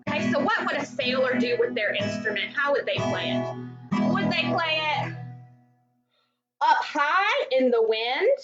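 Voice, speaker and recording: Cheerfully addressing the children watching from home, a woman from Texas, USA, runs a movement and music class as a music therapist. She speaks in a high-pitched, expressive voice at a measured pace, and the audio from her computer microphone sounds dull.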